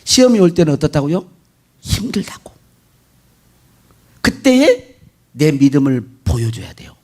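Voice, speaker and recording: A male pastor delivering an animated sermon, firing rhetorical questions at the congregation and mimicking worshippers' prayers. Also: on the high side, a little slow.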